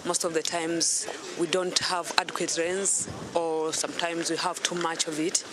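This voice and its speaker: A man's voice: on the high side, level tone, normal speed. A man answering an interview earnestly, with many hesitations and fillers. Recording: outdoor city noise.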